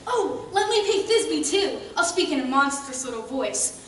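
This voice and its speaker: A woman playing a boastful, hammy weaver in a stage play, speaking loud and showy from far off in an echoey hall. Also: high voice, sing-song, normal speed, heavy background noise.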